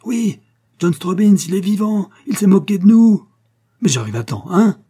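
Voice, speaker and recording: A man voicing a furious, frantic male police chief in a read-aloud story, shouting in a high, strained pitch. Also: a little fast, lightly acted. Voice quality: shouting, high-strung and agitated.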